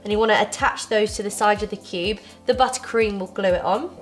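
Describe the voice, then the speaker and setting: A young woman hosts a baking tutorial from her home kitchen strung with fairy lights, giving friendly, reassuring step-by-step instructions. Her voice is medium-pitched and a little fast, with faint music in the background.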